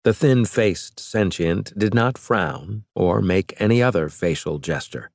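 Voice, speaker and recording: A man's voice: low-pitched, expressive, a little slow, darkish tone, dry recording, clean studio sound. A man narrating a science fiction audiobook in a plain storytelling manner. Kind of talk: scripted narration.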